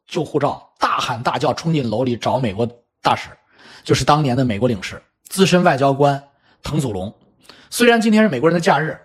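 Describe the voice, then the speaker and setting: A middle-aged man from China telling a true story in an animated, chatty way, with spoken asides. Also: on the high side, husky. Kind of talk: casual storytelling commentary.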